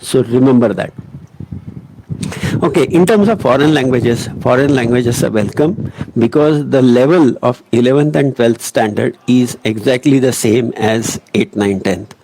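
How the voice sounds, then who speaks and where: A man with an Indian English accent talks students through their options in an online guidance session. His voice sits in an ordinary middle pitch, and his delivery is earnest but halting, with frequent pauses and restarts. A faint noise runs underneath. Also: mellow, rough recording. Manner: earnest, hesitant, with many pauses and self-corrections. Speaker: coaching academy teacher.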